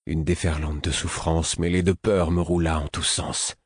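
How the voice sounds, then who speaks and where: A man giving measured first-person narration for an audiobook. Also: deep voice, flat delivery, husky, no room sound.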